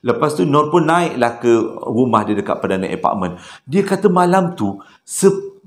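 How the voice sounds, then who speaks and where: A man's voice: medium pitch, expressive, moderate pace. A man with a Malaysian Malay accent telling a horror story in a chatty way, acting out the characters. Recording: roomy echo.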